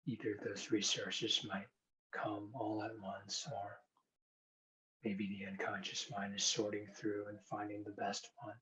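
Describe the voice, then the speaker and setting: A man speaking as a hypnotherapist, giving soothing, unhurried, gentle instructions in guided hypnosis and explanation. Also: fairly low pitch, completely flat delivery, low-quality recording. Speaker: hypnotherapist demonstrating a hand induction.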